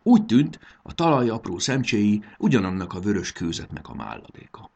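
Gravelly, animated male storyteller. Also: on the low side, lo-fi sound. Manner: expressive, animated reading. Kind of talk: scripted storybook narration.

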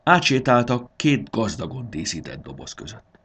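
A man narrating a storybook in an expressive, sing-song telling. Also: mid-range voice, slight background noise.

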